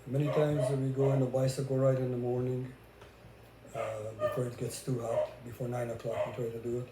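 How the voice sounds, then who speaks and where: The voice is an older man's, medium in pitch, level in tone and brisk, with a Hungarian accent from his native Hungary. He's a vlogger casually chatting about his own life and relationship experiences, recorded in a space with roomy echo and some faint background noise.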